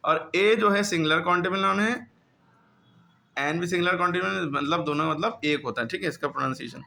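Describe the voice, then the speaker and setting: A man's voice: high-pitched, a little fast, vocal fry, bright, forceful tone, a little hiss or hum. A man teaching a classroom grammar lesson, who keeps repeating questions to his pupils.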